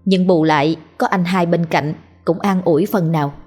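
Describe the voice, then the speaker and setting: A woman reading a ghost story aloud in a steady, measured narration. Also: lowish voice, husky, soft background music.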